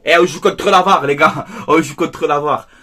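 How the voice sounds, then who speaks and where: Guy venting after a football match, bright voice sitting a bit high, keeps repeating himself, fed up. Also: normal speed. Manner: frustrated ranting, repeats himself, talks straight to viewers. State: upset and worked up. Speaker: football fan video host. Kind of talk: casual angry match debrief.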